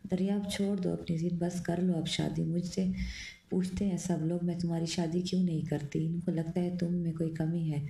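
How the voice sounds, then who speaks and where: A woman's voice: fairly low pitch, level tone, moderate pace, creaky, mellow. A woman voicing a fretful middle-aged mother who complains and nags, read from a storybook novel. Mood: nagging. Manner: complaining, exasperated. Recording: roomy echo.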